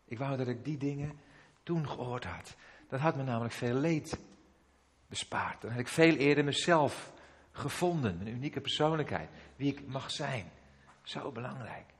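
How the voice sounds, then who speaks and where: A man's voice: medium pitch, expressive, normal speed. A middle-aged man preaching a sermon, telling a personal story emotionally with frequent restarts and asides. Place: church. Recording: long reverb of a church hall.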